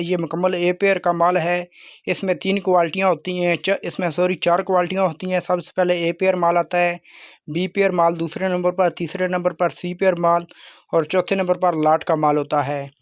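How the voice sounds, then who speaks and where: A man hosting an informal video sales pitch, insistent and repetitive like a salesman. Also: no echo, clean studio sound. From Pakistan. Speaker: YouTube channel host selling crockery.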